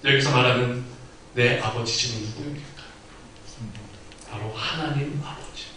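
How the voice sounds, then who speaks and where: A man's voice: mid-range voice, steady tone, moderate pace, a little hiss or hum. Echoey storytelling male preacher. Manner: storytelling preacher, acts out quoted speech with sudden loud outbursts. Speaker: pastor. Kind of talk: sermon. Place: church sanctuary. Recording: very echoey hall, mic at a distance.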